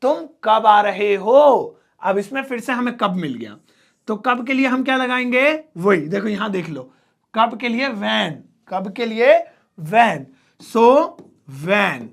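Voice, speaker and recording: Gravelly-voiced male English teacher, slow and repetitive. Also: high voice, expressive, a bit bright. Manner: patient, repeats each word slowly and spells it out. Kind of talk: spoken English lesson while writing on a board.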